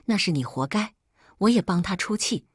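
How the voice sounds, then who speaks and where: A woman's voice: mid-range voice, animated, moderate pace, breathy edge, no room sound, clean studio sound. A woman voicing a kind, protective older mother in a read-aloud story.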